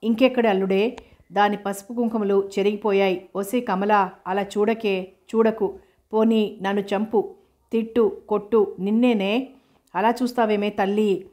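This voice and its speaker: Woman reading a heartbroken father, self-blaming, pleading, flat mellow tone. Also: mid-range voice, measured pace, lightly acted. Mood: lamenting, pleading. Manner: lamenting, pleading.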